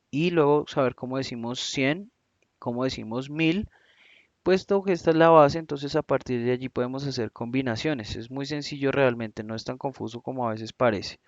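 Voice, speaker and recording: A man with a Colombian Spanish accent teaching a recorded English lesson, slowly and deliberately, spelling out sounds one by one. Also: medium pitch, dry recording. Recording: dull, lo-fi sound.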